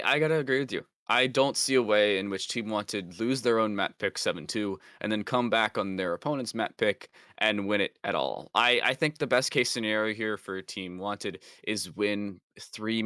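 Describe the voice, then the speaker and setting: A man's voice: lowish voice, normal speed, few pauses, pushed and bright, no room sound. A man casting a live esports match with dry sarcastic humor, often stammering as he restarts. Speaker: esports caster.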